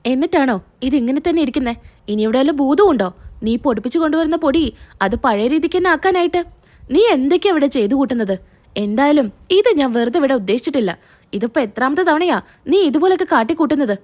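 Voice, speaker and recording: A woman's voice: high voice, lively intonation, quick pace, darkish tone. A woman reading the lines of a scheming, bullying middle-aged mother-in-law in an accusing tone. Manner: accusing, scolding.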